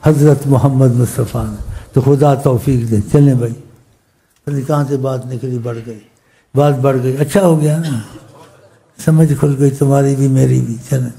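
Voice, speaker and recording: A man's voice: medium pitch, steady tone, gravelly, warm tone. A man with a Pakistani Urdu accent giving an informal religious talk to followers, retelling stories in dialogue and asking his listeners questions. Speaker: Sufi sheikh teaching followers. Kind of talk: informal religious teaching with storytelling.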